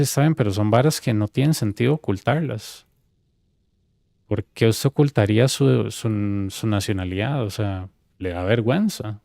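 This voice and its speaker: A man with a Costa Rican accent chatting on a gaming stream, telling an animated story and acting out quoted dialogue. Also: lowish voice, gravelly, no echo, studio quality. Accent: Costa Rican Spanish. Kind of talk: casual gaming stream chat.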